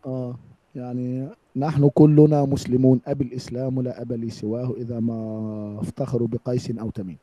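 A man's voice: mid-range voice, flat delivery, fast, mellow, slightly rough, poor audio. A man teaching an Arabic grammar lesson, speaking emphatically and asking the class rhetorical questions. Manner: emphatic, addresses listeners as "my people", quotes scripture.

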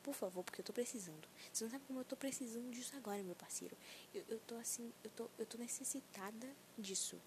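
A woman's voice: a little high, fast talker, background noise. Anxious young woman ranting profanely. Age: young adult. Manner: self-mocking, profane, rambling. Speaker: podcast host. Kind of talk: solo podcast rant.

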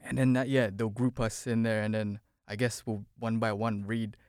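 A man's voice: on the low side, little pitch movement, moderate pace, a little mellow, clean tone, no room sound, studio quality. Casual, rambling man from the Philippines. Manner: loose and rambling, with many fillers and restarts, casual swearing. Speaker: podcast guest. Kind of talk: casual chat.

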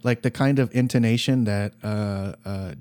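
A man's voice: fairly low pitch, moderate pace, darkish tone, smooth. A man co-hosting a podcast in casual chat, teasing and playful in his banter. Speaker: podcast co-host.

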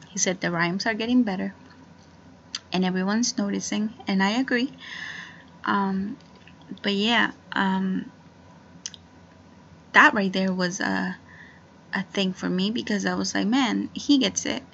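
A woman's voice: medium pitch, vocal fry, a bit bright, highs cut off, a little hiss or hum. A woman in her twenties rambling through a casual solo podcast, with lots of fillers and restarts. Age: 20s. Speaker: podcast host.

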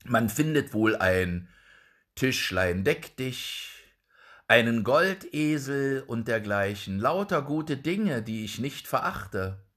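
A man voicing a confident young craftsman son in a calm, measured way, close to his own voice. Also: mid-range voice. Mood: firm.

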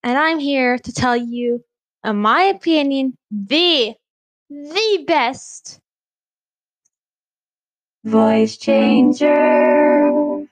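A woman's voice: high-pitched, animated, slow pace, fairly bright tone. A woman vlogger giving a chatty, rambling demo of a product she likes.

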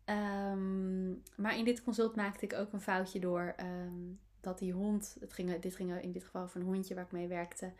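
A woman hosts her own podcast and talks at an ordinary pitch. She muses in a loose, personal way, stopping often for fillers and picking her words again as she goes. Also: flat delivery, a little slow, darkish tone. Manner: reflective, many fillers and restarts. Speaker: podcast host, animal coach. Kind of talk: casual solo podcast monologue.

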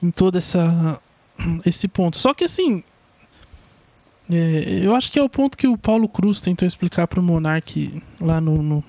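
A man's voice: high voice, expressive, measured pace, a little mellow, dry recording. A young man with a Brazilian Portuguese accent giving a rambling, slangy opinion monologue full of swearing.

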